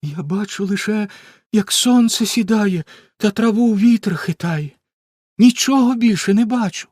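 A man's voice: high voice, a little slow, a little mellow, no echo, studio quality, voice pushed up. A man voicing a young sister watching from a tower in a storybook reading, with a raised, eager calling voice. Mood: calm.

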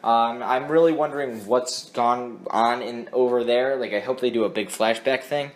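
A man's voice: mid-range voice, moderate pace. A young man hosting a casual TV episode review, rambling with many restarts and fillers. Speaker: host of a TV review channel.

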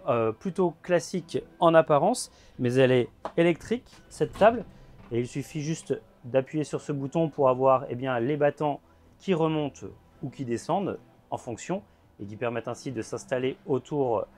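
A man in his thirties gives a guided tour inside a motorhome at a trade fair, talking in a measured way with frequent filler words. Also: mid-range voice, darkish tone. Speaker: motorhome show presenter. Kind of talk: guided vehicle walkthrough.

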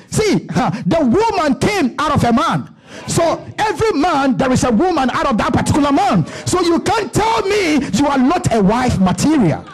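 On a church stage, a pastor in his thirties delivers a sermon into a handheld mic in a very high-pitched voice. He builds toward shouting, using rhythmic repetition.

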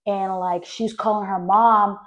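A young woman with a mid-range voice, neither high nor low, tells a personal story on her podcast. She rambles and restarts, fills gaps with "like" and "um," and keeps turning to address her audience directly. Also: a little slow. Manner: rambling, animated, many fillers, talks straight to listeners. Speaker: podcast host.

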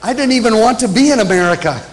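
A man's voice: high-pitched, animated, fast talker, rough recording. A middle-aged man who grew up in Africa, preaching an emphatic missions sermon from a church pulpit and repeating his key phrases. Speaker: pastor, guest missionary preacher. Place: large church stage at a pulpit. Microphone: pulpit microphone.

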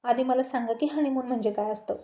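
A woman's voice: fairly high pitch, fast, mellow, close to an everyday voice. Woman voicing a naive curious young bride. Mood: protesting. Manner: questioning, pleading, childlike.

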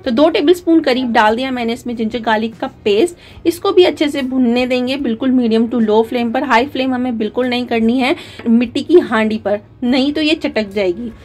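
Calm woman explaining a recipe step by step. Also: fairly high pitch, fairly quick. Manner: calm step-by-step instruction with frequent fillers. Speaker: cooking channel host. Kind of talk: recipe voice-over narration.

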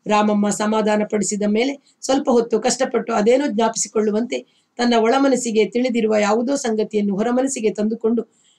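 A woman narrating a novel as an audiobook reader, in a steady, expressive storytelling manner. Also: a little high, a little fast. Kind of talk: scripted literary narration.

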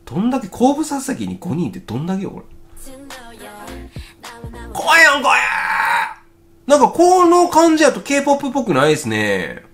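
A man with a Kansai accent giving casual, excitable reaction commentary as host, thinking aloud and exclaiming often. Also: very high-pitched, fast, hardly any pauses. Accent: Kansai Japanese. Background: faint music video playing.

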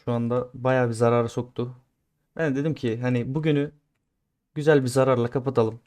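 A man giving casual commentary on his own gameplay, chatting to his viewers and swinging between grumbling and loud cheering. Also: medium pitch, steady tone, fairly quick. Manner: chatty, talks to viewers as he plays. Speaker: gaming streamer.

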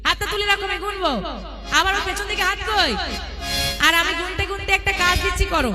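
A woman's voice: extremely high pitch, steady tone, quick pace, music in the background. A woman kirtan singer leading a large crowd, teasing and coaxing them between sung chants. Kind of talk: devotional kirtan with crowd talk. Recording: loud tabla and instruments behind.

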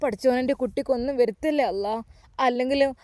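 A woman's voice: sits high, fast talker, a little mellow, dry recording, voice pushed up, natural voice. A woman voicing an anxious middle-aged mother who pleads to God and comforts her daughter. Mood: anxious pleading.

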